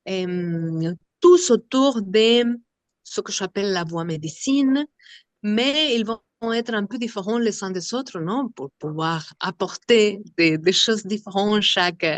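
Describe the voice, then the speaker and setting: A woman from Argentina with an Argentine Spanish accent, a Spanish native speaker, talking slowly in an interview about her vocal workshops and searching for words often. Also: mid-range voice, lively intonation, no echo. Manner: halting, searching for words, many fillers. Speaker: singer and vocal workshop leader.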